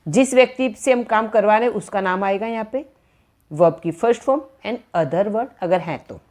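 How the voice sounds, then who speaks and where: A woman in giving a grammar lecture, slowly repeating each example word by word. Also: medium pitch, a little mellow. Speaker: English grammar teacher. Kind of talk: classroom-style lecture in Hindi.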